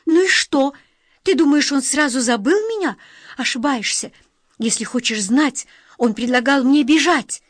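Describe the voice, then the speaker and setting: A woman's voice: fairly high pitch, moderate pace, dry recording, studio quality, pitched above the performer's own voice, natural voice. A woman voicing a tearful, pleading young noblewoman. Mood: desperate. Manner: impassioned, pleading, near tears.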